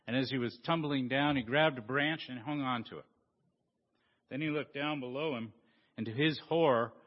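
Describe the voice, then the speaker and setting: A male pastor preaching an emphatic sermon in a church sanctuary. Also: mid-range voice. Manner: slow, lively, emphatic preaching. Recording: dull recording with long church reverb.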